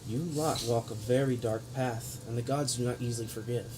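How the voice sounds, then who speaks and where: A man's voice: mid-range voice, fairly even intonation, brisk, close to an everyday voice. A man playing a righteous, stern adventurer delivering a solemn, grandiose monologue in a tabletop role-play. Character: righteous noble-minded adventurer lecturing sternly. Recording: clear background noise.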